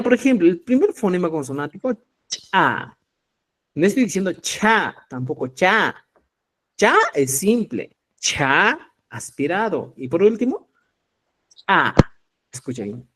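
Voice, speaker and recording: Peruvian man, online language teacher, patient demonstrator, very animated intonation. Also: high voice. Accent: Peruvian Spanish. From Cusco, Peru. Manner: explanatory, checks in with listeners; demonstrates sounds slowly. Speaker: Quechua teacher. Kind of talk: live online language class.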